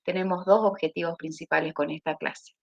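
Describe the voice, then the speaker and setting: A woman university lecturer with an Argentine accent explains her seminar material at an even, measured pace, stopping now and then to think. Her voice sits a little low for a woman. It comes through a muffled, lo-fi video call. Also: vocal fry. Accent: Argentine Spanish. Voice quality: steady, explanatory, with thinking pauses. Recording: dull lo-fi video call audio.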